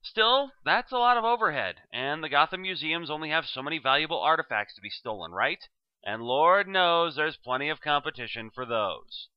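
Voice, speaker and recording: A man plays an aging male supervillain giving a farewell staff speech in a comic dramatic reading. His phrasing is genteel, florid and sentimental, and his pitch sweeps up and down theatrically. The recording is dry and a little dull. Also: lively intonation, moderate pace, dry recording, natural voice. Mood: apologetic, reassuring.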